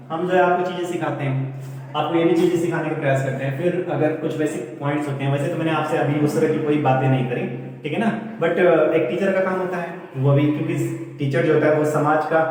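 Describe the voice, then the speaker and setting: A man's voice: on the high side, darkish tone. A man teaching a math lesson to students, explaining step by step and often checking that the class is following. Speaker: math teacher at a coaching centre. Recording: echoey room, voice from far off.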